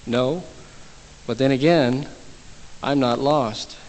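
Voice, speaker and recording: A preacher voicing a dry-witted old village man with a deadpan drawl. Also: mid-range voice, slow, natural voice. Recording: echoey church hall, faint tape hiss.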